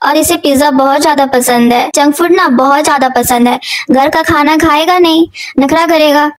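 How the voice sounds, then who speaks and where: A woman's voice: sits high, normal speed, poor audio. A young woman narrating a family birthday vlog as a casual voice-over, chatty and doting, talking straight to her viewers. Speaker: vlogger, aunt narrating a child's birthday.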